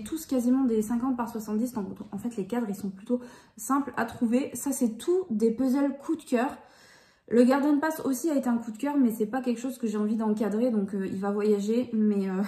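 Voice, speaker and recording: A woman's voice: on the high side, warm tone, roomy sound. A woman in her thirties chatting casually and enthusiastically as she shows a haul on her vlog, with many fillers. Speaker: puzzle vlogger.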